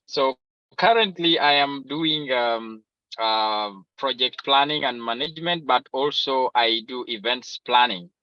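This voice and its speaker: A man's voice: medium pitch, measured pace, no echo. A man from Uganda introducing himself as a guest, hesitant with many fillers. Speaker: peace ambassador guest. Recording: dry, dull lo-fi call audio.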